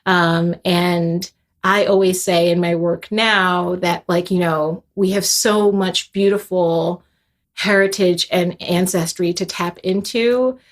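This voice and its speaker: Slow and steady in tone, this fairly low-pitched young woman is a composer guest with Haitian heritage. She reflects thoughtfully in the interview, often using fillers and restarting.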